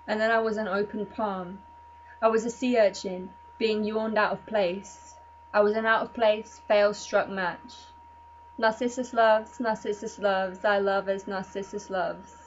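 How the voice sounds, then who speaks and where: Woman, spoken word poet, deadpan, measured delivery, muffled sound, faint hum. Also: mid-range voice. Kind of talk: spoken word poetry reading.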